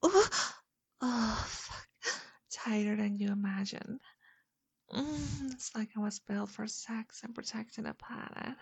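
A woman's voice: medium pitch, steady tone, takes it slowly, creaky, pauses often, husky, no room sound, heavily acted. A woman playing a seductive, teasing adult superheroine in an intimate erotic audio role-play, speaking breathily and often half-whispering.

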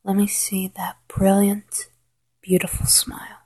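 Woman, soft intimate whisper, very breathy, even flat tone, slow coaxing delivery. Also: medium pitch. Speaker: hypnosis narrator. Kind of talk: whispered guided hypnosis roleplay.

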